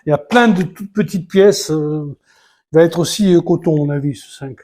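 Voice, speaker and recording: A man narrates a model build as he works through it, in an unhurried, homely way. His voice sits a little high for a man. He stumbles often, fills gaps with hesitations, and counts pieces under his breath. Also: a little mellow. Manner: hesitant, many fillers and restarts, counting pieces aloud. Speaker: Lego building vlogger. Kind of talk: casual live building commentary.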